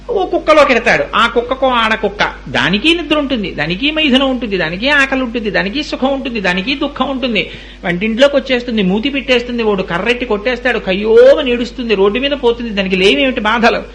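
A man's voice: high voice, a bit bright. A man giving a devotional sermon, telling stories to his listeners and breaking into chanted verses. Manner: storytelling, addresses listeners directly, breaks into sung verse. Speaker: religious discourse speaker.

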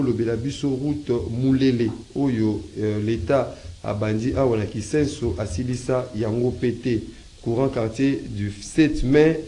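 Man reading listener messages, mellow voice. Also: medium pitch. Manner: halting reading with many fillers, mixing French and Lingala. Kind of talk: reading viewer comments aloud on a talk show.

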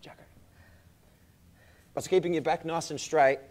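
A man's voice: fairly high pitch, steady tone, a little slow, darkish tone. A young Australian man working as a fitness coach, calling out short instructions and encouraging praise as he leads a home workout. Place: indoor room with hard floor and whiteboard.

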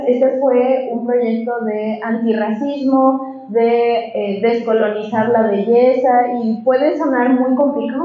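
A woman's voice: a little high, a little hiss or hum. Woman speaking in an echoey hall. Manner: measured, explanatory, engaged. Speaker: author presenting her book. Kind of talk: book presentation talk. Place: large hall with a stage. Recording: echoey hall, muffled sound.

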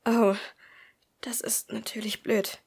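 A woman reading an audiobook, voicing an excited, breathless teenage girl who is bossy and cheerful. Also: on the high side, takes it slowly, vocal fry, slightly rough, exaggerated voice. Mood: eager. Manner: loud and eager.

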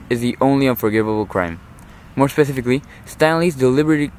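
A man's voice: mid-range voice, slight background noise, low-quality recording. Teenage boy giving a formal literary commentary. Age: teens. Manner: formal, earnest, analytical. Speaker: high school student.

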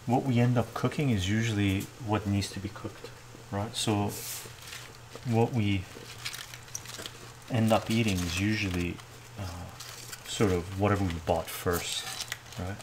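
A man's voice: lowish voice, steady tone, unhurried, pauses often, background noise. A middle-aged man hosting a cooking livestream from his home kitchen, chatting casually and ending his sentences with "right?". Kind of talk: casual chat while cooking.

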